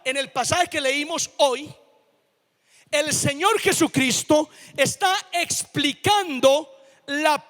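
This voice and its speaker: A man's voice: very high voice, fairly bright tone. A man preaching a sermon, emphatic and calling out to his congregation. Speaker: pastor. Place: church sanctuary. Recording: echoey church hall.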